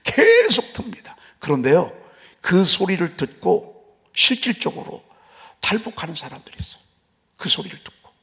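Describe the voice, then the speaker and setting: A man's voice: a little high, expressive, normal speed, long pauses, pushed and bright. A man preaching a dawn sermon as pastor, dramatic, acting out voices in asides. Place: church sanctuary. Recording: long hall reverb.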